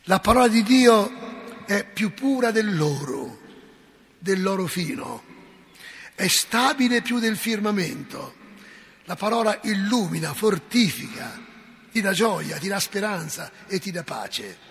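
A parish priest preaches a fervent sermon, scolding and joking by turns. His voice is gravelly and husky and sits fairly high for a man. It rings out with the long reverb of a church. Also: animated, slow pace, a bit bright. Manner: impassioned, scolding, folksy asides.

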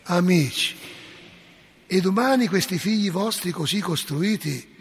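A man's voice: high-pitched, measured pace, slight background noise. A man, a parish priest giving an impassioned, scolding sermon with folksy asides. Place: church. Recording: long church reverb.

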